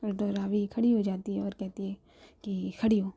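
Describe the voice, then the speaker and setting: A woman tells a love story in a whispered storytelling narration, soft and close. Her voice is very dark and husky, with a gravelly creak running through it. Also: mid-range voice, little pitch movement, moderate pace, muffled recording. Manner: soft whispering, casual asides.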